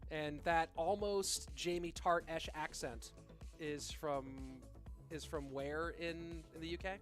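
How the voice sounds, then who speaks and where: A man with a higher voice hosts a live esports stream. He chats loosely and answers viewer questions, then rises into energetic play-by-play. Soft music plays underneath him. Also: takes it slowly. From California. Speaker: esports caster and stream host.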